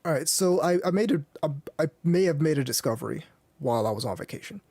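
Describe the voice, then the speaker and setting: A man hosting an anime podcast in casual chat, talking in halting bursts with many restarts. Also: a little high, animated, a little mellow, no room sound. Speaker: podcast host.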